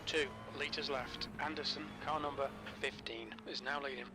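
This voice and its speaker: A man's voice: medium pitch, steady tone, normal speed, a crowd in the background, lightly acted. A man voicing a terse race engineer on pit radio. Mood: clipped. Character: adult male race engineer calling terse pit info. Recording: loud car engine noise over game audio. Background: racing car engine.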